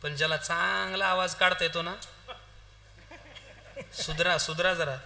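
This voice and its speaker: A man's voice: high voice, a little slow, gravelly. A man preaching a humorous kirtan sermon, telling a story and acting out the characters' lines, speaking straight to his audience. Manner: animated storyteller, acts out characters' lines, addresses audience directly.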